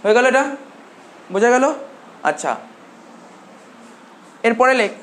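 A male commerce tutor from India giving a classroom lecture, dictating notes slowly with repeated phrases and quizzing his students as he goes. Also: very high-pitched, expressive, fairly bright tone. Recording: roomy classroom echo, faint hum.

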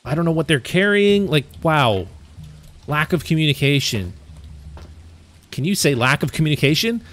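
A man hosting a casual gaming stream with friends, talking in an excitable, joking way. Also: on the high side, fairly quick. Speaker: streamer host.

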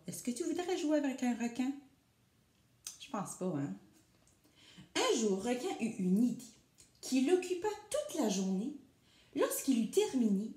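A woman's voice: on the high side, warm tone. A woman teacher reading a storybook aloud to children and asking them questions as she goes. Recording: echoey room.

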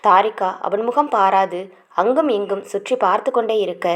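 Female audiobook narrator, romance serial, steady and even. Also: mid-range voice, moderate pace. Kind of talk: scripted narration of a romance novel.

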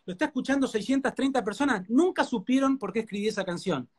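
A man's voice: very high-pitched, animated, fast, breathy edge. Earnest Rioplatense man giving testimony. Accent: Rioplatense Spanish. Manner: earnest, preacherly, repeats phrases for emphasis. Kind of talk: emotional testimony in a live interview.

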